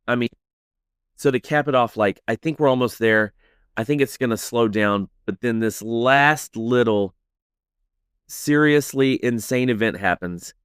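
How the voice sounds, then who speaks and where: Guy telling a wild story on his podcast, animated, smooth clear voice, dry sound, bit of music. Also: medium pitch, no echo. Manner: animated, many "like"s, acts out voices.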